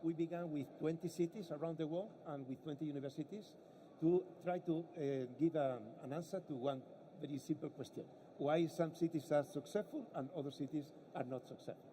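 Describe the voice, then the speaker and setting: A man presenting his foundation on a panel in a formal, measured way. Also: a little high, fairly even intonation, warm tone, slight background noise. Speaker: foundation president. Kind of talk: panel remarks.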